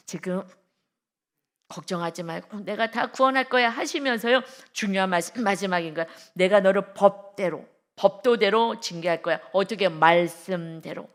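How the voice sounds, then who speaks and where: Emphatic woman preaching a dawn sermon. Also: medium pitch. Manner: emphatic, reads scripture slowly and loudly; vivid sound words and direct questions to the congregation. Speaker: pastor. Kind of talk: early-morning sermon.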